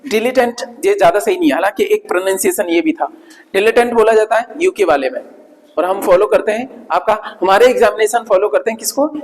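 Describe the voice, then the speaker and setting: A man's voice: sits high, expressive. A man teaching English vocabulary in Hindi, drilling pronunciation and checking in with his class again and again. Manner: repetitive, drills words, checks in with "ठीक है ना"; slow, drawn-out spelling of sounds. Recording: long hall reverb.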